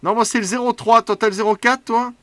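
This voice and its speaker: Gushing high-voiced man, dry close mic. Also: steady tone, fast, pushed and bright, no room sound. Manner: gushing, mocking, childishly repeating himself. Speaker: tech show host. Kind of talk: excited casual commentary.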